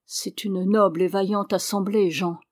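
A man's voice: high-pitched, little pitch movement, a little slow. A woman reading aloud voices a frail, ailing old father, speaking faintly and wearily. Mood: anxious. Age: older. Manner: faint, weary, breathless speech.

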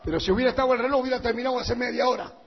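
A male pastor preaching a fiery sermon, swinging between shouting and hushed intensity. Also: very high voice, racing, husky. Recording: dull reverberant hall recording.

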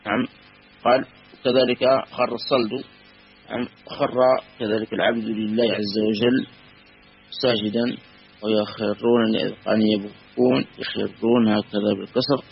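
A man teaching a classical grammar lesson, measured and patient, repeating and spelling out word forms slowly. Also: fairly low pitch, flat delivery, creaky, husky. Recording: dull lo-fi recording with faint hum.

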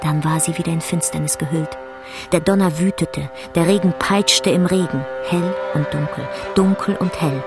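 Woman reading a radio drama, deep and kind of creaky, dramatic and measured, music under it. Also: steady tone. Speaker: narrator. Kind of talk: scripted literary narration.

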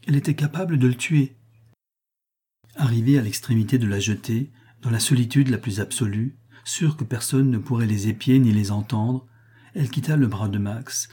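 A man reads a novel aloud in a measured, expressive way. His voice is husky and mellow, with a soft, dark tone. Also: medium pitch. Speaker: audiobook reader. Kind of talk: scripted narration of a novel.

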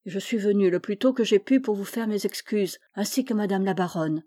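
A woman's voice: mid-range voice, brisk, warm tone, dry recording, studio quality, close to an everyday voice. A woman reading aloud, voicing a humble, apologetic older vagrant man who talks earnestly and deferentially. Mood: humble pleading.

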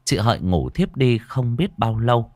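A man narrating a ghost story in a dramatic style, dropping to a hush and then surging. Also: mid-range voice, big pitch swings, moderate pace, no echo. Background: faint music.

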